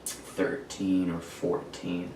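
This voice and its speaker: A man in his twenties, appearing as a podcast guest, recounts his personal story haltingly as he searches for words. His low voice is delivered completely flat, and he sits far from the mic in an echoey room with a noisy background.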